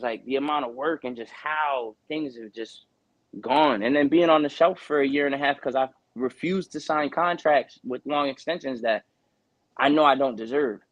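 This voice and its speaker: A man's voice: fairly high pitch, no echo, muffled recording. A man in his twenties, a boxer from Connecticut, talking earnestly in a casual interview, rambling with lots of "you know" fillers. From Connecticut, USA.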